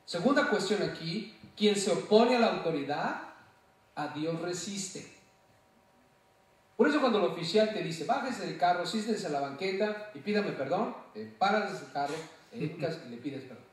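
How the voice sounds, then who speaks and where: A pastor preaching a sermon in a church, asking the congregation questions and answering them himself. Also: male voice, sits high, expressive, moderate pace, distant mic. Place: church sanctuary. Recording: very echoey hall, voice from off-mic.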